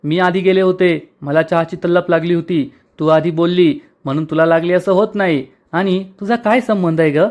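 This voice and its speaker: A man's voice: sits high, normal speed, few pauses, darkish tone, close to an everyday voice. A man voicing a quarrelsome, jealous woman who taunts her rival. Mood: taunting.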